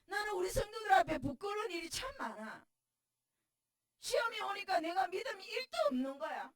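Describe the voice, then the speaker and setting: A middle-aged woman pastor with a Gyeongsang accent gives a tearful testimony sermon, often breaking into shouts. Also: very high-pitched, big pitch swings, normal speed. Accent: Gyeongsang dialect. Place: church sanctuary. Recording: voice distant from the mic.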